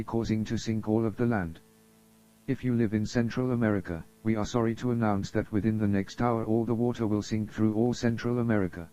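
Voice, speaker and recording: A lowish, very dark and mellow male voice comes through dull, muffled lo-fi sound. He solemnly and formally reads scripted emergency notices, much as a broadcaster would speak to the public.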